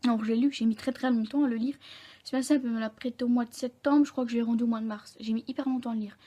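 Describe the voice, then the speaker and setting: A young woman speaks to camera in a vlog, telling a personal story. Her voice sits a little high but has a soft, mellow tone. She talks candidly and haltingly, often stopping to correct herself. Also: fairly even intonation. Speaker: vlogger.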